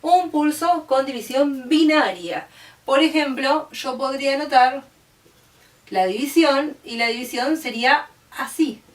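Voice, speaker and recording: A woman's voice: high voice, measured pace. A woman with an Argentine accent teaching music, explaining step by step and checking in with her students. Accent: Argentine Spanish. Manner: patient, step by step, checks understanding with "¿sí?". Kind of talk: classroom explanation. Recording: roomy, distant mic.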